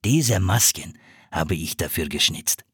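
A man voicing a kindly, calm seal hunter in a storybook reading, explaining slowly and patiently. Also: deep voice, husky, dry recording, clean studio sound, pitched below the performer's own voice, exaggerated voice. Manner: slow, measured, patient explaining.

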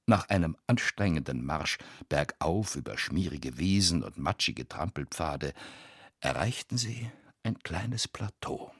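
Male audiobook narrator, very deep and slow, husky, suspenseful measured reading. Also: lively intonation, a bit bright, no room sound, clean studio sound.

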